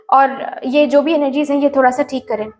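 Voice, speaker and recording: Woman doing a tarot reading to camera, high voice, talks right at you, lots of repeats and fillers. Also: fairly even intonation, moderate pace. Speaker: tarot reader.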